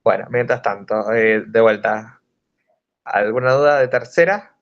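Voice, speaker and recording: A man's voice: fairly low pitch, measured pace. A young man with a Rioplatense accent tutors fellow students in an informal online study group, explaining step by step with many fillers and hesitations. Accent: Rioplatense Spanish. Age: young adult. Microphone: video call. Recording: dull lo-fi online call audio.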